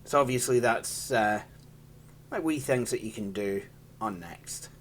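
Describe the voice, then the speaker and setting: A man's voice: medium pitch, a little slow, fairly bright tone, a little hiss or hum. A Scottish man casually walking through an old operating system, rambling and poking fun at himself, laughing often. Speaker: tech channel host. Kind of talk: casual hands-on software walkthrough.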